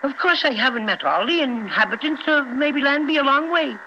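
A small, protective toy bear in a 1930s children's radio drama. The voice is bright and folksy, with emphatic fussing. The old recording is dull and a little noisy. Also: high-pitched, animated, fairly quick, full character voice. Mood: chatty.

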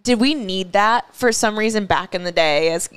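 A woman's voice: mid-range voice, moderate pace, clean tone. A young adult woman chatting casually as a podcast co-host, crude and joking, interrupted by hiccups. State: has hiccups. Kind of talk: casual comedic podcast chat.

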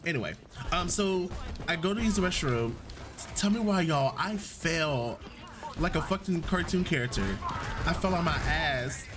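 Guy streaming a game, cursing a lot, voice jumps all over, kinda high, noisy background. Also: moderate pace. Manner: animated, swears freely, greets chatters mid-story. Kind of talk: casual live-stream chat while gaming.

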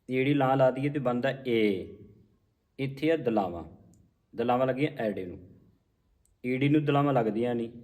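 A male teacher gives a patient, explanatory religious lesson. He draws out each verse line slowly in recitation, then drops into a plain explanatory voice to point out how a word should or should not be sounded. He repeats his corrections several times, steady and unhurried. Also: mid-range voice. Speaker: Gurbani pronunciation teacher.

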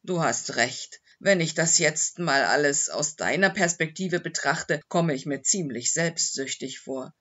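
A man's voice: fairly high pitch, animated, slow pace, a bit bright, husky, dull audio, full character voice. A man reading the voice of a remorseful very old man in an audiobook, pleading and regretful. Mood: defensive.

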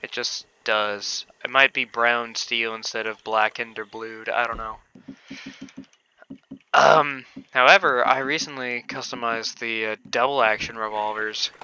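A man chats through his gameplay in a casual, meandering way, pausing on fillers and swearing offhandedly. His voice is sharp and bright with a smooth, clean tone. The recording sounds dull and lo-fi. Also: mid-range voice. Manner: rambling, hesitant, with casual swearing. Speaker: game streamer.

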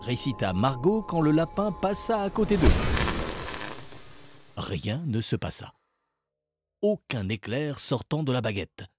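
A man narrating a children's story in an expressive, animated storytelling voice. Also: medium pitch, a little slow, pauses often. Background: music.

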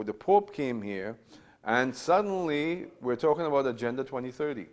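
Man in his fifties teaching a Bible class, emphatic, repeats himself, asks rhetorical questions, recorded from a distance in a small room. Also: medium pitch. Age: 50s.

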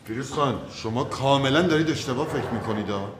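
An actor playing a flustered young husband and doctor in a sitcom, defensive and pleading, lecturing when cornered. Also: male voice, medium pitch, close to an everyday voice. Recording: roomy set with faint noise.

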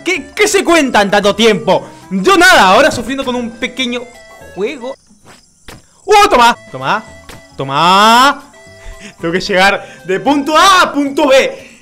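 A man narrates his own gameplay in a very bright, sharp voice that swings all over the place. He is excitable and quick to anger, swearing and shouting at the game. He is recording in a room with a noticeable echo. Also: extremely high pitch, faint music behind. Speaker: YouTuber playing a video game. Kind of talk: let's-play gaming commentary.

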